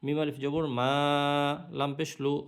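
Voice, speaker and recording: A man teaching Quran recitation, spelling out each letter and vowel mark, then chanting the verse in long drawn-out notes. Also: on the high side, flat delivery, smooth. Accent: Bangladeshi Bengali.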